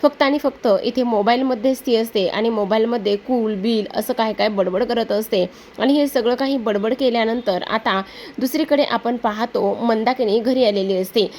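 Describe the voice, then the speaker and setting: A woman retelling a TV serial episode scene by scene, reading out each character's lines in the same steady voice. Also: on the high side, normal speed, a little hiss or hum. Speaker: serial recap narrator.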